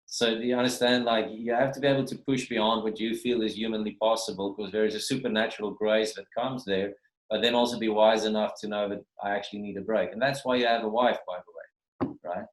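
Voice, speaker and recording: A man's voice: fairly low pitch, fairly even intonation, brisk. A man teaching as a minister in a casual, rambling way that often repeats and restarts words, heard over a video call. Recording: roomy video call audio.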